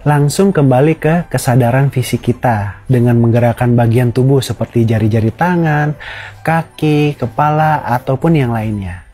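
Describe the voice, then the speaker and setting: A man with an Indonesian accent giving a guided meditation lesson in a calm, soothing, instructional manner like a yoga teacher. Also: mid-range voice, normal speed, husky, soft background music. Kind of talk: guided meditation tutorial for beginners.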